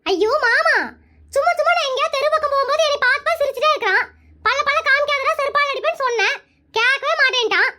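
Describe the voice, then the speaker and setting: A feisty village wife in a cartoon, ready to fight anyone who crosses her, played by a performer. Her voice sits very high and fast, with a bright, cutting edge. She fires back defiant retorts without pause. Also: exaggerated voice. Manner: defiant, quick comebacks. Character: feisty village wife, bold and sharp-tongued. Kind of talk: animated comedy cartoon voicing.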